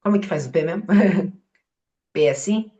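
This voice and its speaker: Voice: medium pitch, moderate pace, mellow, muffled recording. A student asking short, curious questions in a sign language lesson.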